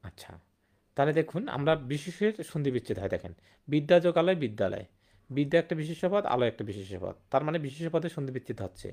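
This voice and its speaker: A man's voice: fairly high pitch, big pitch swings, fast, darkish tone. A man teaching a grammar lesson online, asking rhetorical questions and repeating key words. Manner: rhetorical questions with "hum?" and "thik na?".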